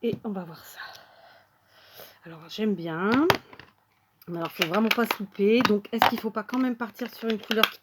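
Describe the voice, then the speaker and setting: A woman's voice: medium pitch, fairly even intonation, normal speed, pauses often, very noisy. A woman hosting a casual card-making tutorial at her craft table, talking to viewers as she works and thinking aloud with plenty of fillers.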